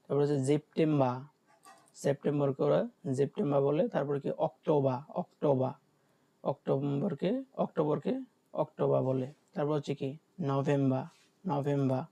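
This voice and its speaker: A man's voice: fairly high pitch, gravelly, warm tone, low-quality recording. A Bangladeshi man teaching German vocabulary in an online class, explaining patiently and repeating each word. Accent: Bangladeshi Bengali. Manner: explains patiently, repeats words, asks "হ্যাঁ?". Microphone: video call.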